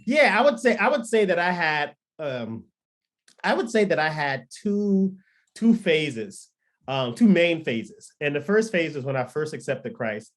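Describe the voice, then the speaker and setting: With a slightly high, sing-song voice and an unhurried pace, a man in his thirties recounts his story for a podcast interview. He's a pastor and record producer born in Liberia and raised in Florida, and his relaxed testimony rambles with many ums and restarts.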